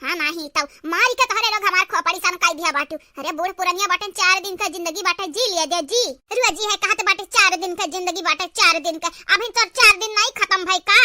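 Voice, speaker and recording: Through a pitched-up effect, a woman voices squabbling, melodramatic village women for a homemade comedy cartoon, using an eastern Uttar Pradesh accent as she scolds and exclaims. She talks fast with few pauses, in a sharp, heavily acted, bickering tone.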